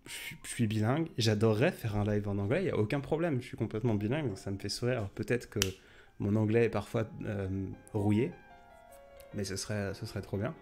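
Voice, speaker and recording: Chatty low-voiced man streaming live. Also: fast, darkish tone, soft background music. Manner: chatty, rambling, many fillers and restarts. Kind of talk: casual late-night live chat.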